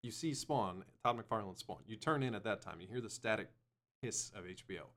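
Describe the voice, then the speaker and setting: A man's voice: fairly low pitch, brisk, fairly bright tone. A man hosting a casual comedy podcast, playfully riffing and prompting others with questions. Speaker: podcast host.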